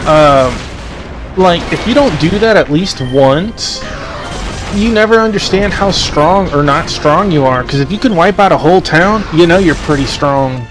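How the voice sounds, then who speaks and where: A man in a relaxed, chatty gameplay commentary, his voice a little higher than most men's. He rambles between fights and reads out the on-screen dialogue, with clear game music running underneath. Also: normal speed. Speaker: let's play host.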